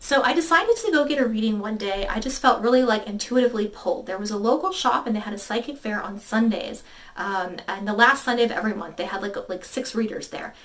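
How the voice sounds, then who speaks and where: A woman's voice: mid-range voice, fast talker, distant mic. A woman in her thirties, a tarot reader, telling a personal story in a chatty, rambling way full of fillers and quoted dialogue. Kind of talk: casual storytelling to camera.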